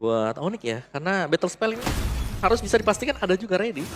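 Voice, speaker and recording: A man's voice: high-pitched, big pitch swings, fast talker, noisy background. A man giving chatty, explanatory esports commentary as an analyst caster. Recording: loud music behind the voice. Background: music.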